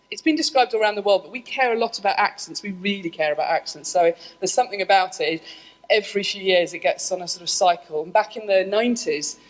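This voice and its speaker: A middle-aged woman, a scientist, giving a lively conference talk to an audience, with self-deprecating asides. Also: lowish voice, low-quality recording. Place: lecture room.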